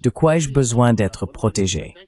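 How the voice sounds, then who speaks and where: Here a man's AI-generated voice, medium in pitch with a darkish tone, stays animated while keeping a measured pace. The synthetic narration delivers a translated political commentary, explaining and arguing rhetorically, as a voice-over for a panel discussion.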